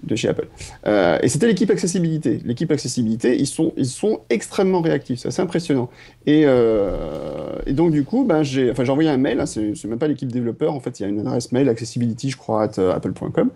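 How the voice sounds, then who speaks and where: Fast-talking man, full of fillers. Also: medium pitch, big pitch swings, gravelly, warm tone, breathy edge. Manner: hesitant, many fillers and restarts. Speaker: tech podcast panelist. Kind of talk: casual panel discussion.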